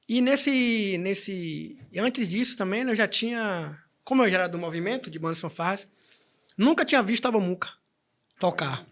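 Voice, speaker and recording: A man's voice: high-pitched, fairly bright tone. A man, chatting as an interview guest and telling his story with many restarts. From Salvador, Bahia, Brazil. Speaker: guest, band president. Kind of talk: casual interview chat.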